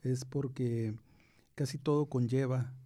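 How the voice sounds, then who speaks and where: A man with a Mexican Spanish accent co-hosting a podcast in casual chat, reflective and unhurried. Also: mid-range voice, fairly even intonation, mellow, dry recording. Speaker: podcast co-host.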